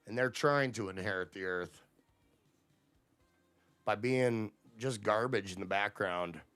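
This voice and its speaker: A man's voice: fairly low pitch, slow, fairly bright tone, clear, resonant tone, dry recording, soft background music. A man hosting a livestream, ranting at his chat in a profane, combative way. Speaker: livestream host. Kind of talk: casual livestream rant to chat.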